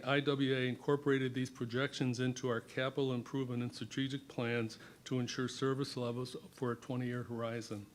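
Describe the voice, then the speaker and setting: Man, flat delivery, reading remarks, faint background noise. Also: mid-range voice. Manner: reads prepared remarks with fillers. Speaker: resident and water utility president at public comment. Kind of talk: public testimony at a meeting.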